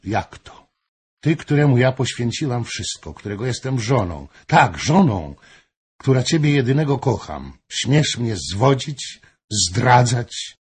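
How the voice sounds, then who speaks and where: A man reading an audiobook, voicing a jealous, furious royal mistress in impassioned, accusing outbursts, with a husky voice. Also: lowish voice, expressive, unhurried, darkish tone, heavily acted.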